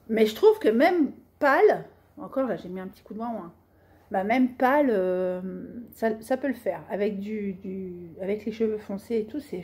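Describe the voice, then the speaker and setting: A woman's voice: medium pitch, a little mellow. A middle-aged woman chatting casually through a fabric haul on her sewing vlog, colloquial and self-mocking, with plenty of fillers as she goes. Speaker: sewing vlogger.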